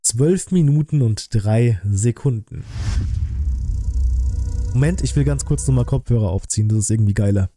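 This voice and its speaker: A man in his thirties speaks with a very dark, mellow voice at a middling pitch, chatting casually as a reaction host in colloquial, slangy language. His delivery is expressive and moderately paced, with frequent pauses. The recording is close and dry, with soft music playing underneath.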